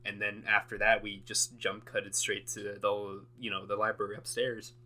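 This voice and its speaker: Young man, audio diary, low-pitched, bright forceful tone, halting filler-heavy rambling, frequent laughs. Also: level tone. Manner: rambling and hesitant, many fillers and restarts, laughs often. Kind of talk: unscripted casual monologue.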